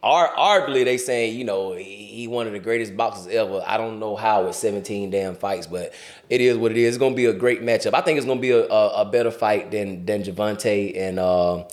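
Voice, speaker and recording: A man's voice: lowish voice, brisk. A man hosting a podcast in casual, slangy conversation. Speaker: podcast host.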